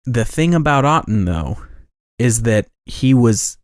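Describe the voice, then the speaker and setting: A man's voice: mid-range voice, animated, unhurried, no room sound, studio quality. A man hosting a podcast, talking casually in a rambling way with many restarts and self-corrections. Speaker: podcast host.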